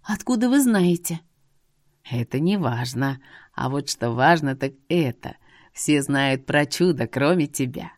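Give me a woman playing a sly old bearded seer, deep and drawling slowly. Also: lively intonation, dry recording, clean studio sound. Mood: teasing. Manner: slow, drawling, teasing.

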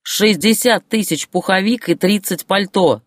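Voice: medium pitch, measured pace, no room sound, clean studio sound, pitched above the performer's own voice, lightly acted. A narrator voicing a roaring enraged husband. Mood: shouting. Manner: roaring, barking, insulting. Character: furious bullying husband, adult man. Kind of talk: audiobook character voice.

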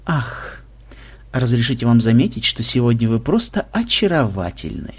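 A man voicing a young male programmer who talks eagerly and turns to sugary flattery. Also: medium pitch, normal speed, husky. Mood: flattering. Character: young male programmer, scheming and smooth-talking.

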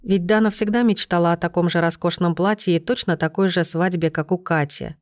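A woman's voice: fairly low pitch, steady tone, fairly quick, no echo. Woman narrating an audiobook, dry sound.

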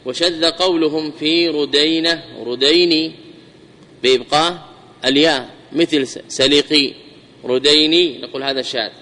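A man's voice: fairly high pitch, steady tone, sharp tone. Man teaching grammar in a reverberant hall. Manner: repeats examples slowly, questions students. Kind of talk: classroom lesson.

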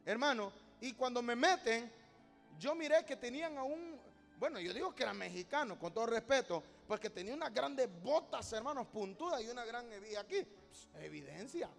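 Male preacher, very high voice, storytelling sermon that swells to shouting, long church reverb, faint music. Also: lively intonation, brisk, creaky. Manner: storytelling, rising to loud exhortation.

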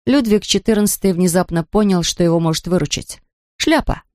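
A woman narrating a children's storybook in an expressive, even reading. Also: on the low side, quick pace, no room sound, clean studio sound. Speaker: audiobook narrator.

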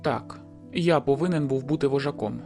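A man voicing a young male werewolf in an audiobook, speaking in a low-key, reluctant, matter-of-fact way. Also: normal speed, music in the background, natural voice. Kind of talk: audiobook character voice.

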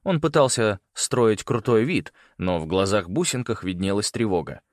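Expressive male audiobook narrator, low voice, lively intonation, dry close mic. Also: normal speed, no echo. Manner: expressive, voicing characters. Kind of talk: scripted narration.

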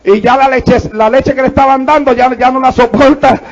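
Male pastor, strikingly high gravelly voice, fervent sermon delivery. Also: fairly even intonation, normal speed, dull audio. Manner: fervent preaching with repeated praise interjections.

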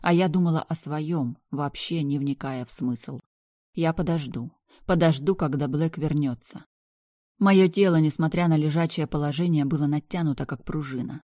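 A woman's voice: low-pitched, normal speed, dark tone, no echo, studio quality. A woman reading a first-person story aloud, her narration tense and intense. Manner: tense, intense, rising into anger. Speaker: audiobook reader.

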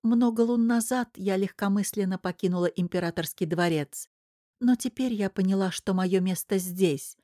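A woman's voice: mid-range voice, mellow, dry recording, clean studio sound, lightly acted. A woman voicing a young, deferential royal mistress. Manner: formal, deferential, measured.

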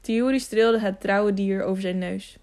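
A woman narrates an adventure novel for an audiobook in a steady, even reading voice. Her tone sits in a middle pitch with a noticeable gravelly fry. She occasionally stumbles and restarts a word before carrying on. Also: unhurried.

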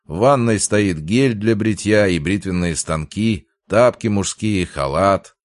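A man reading the lines of a gruff, exasperated middle-aged father in an audiobook, loud and grumbling. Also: on the low side, lively intonation, unhurried, no room sound, pitched above the performer's own voice.

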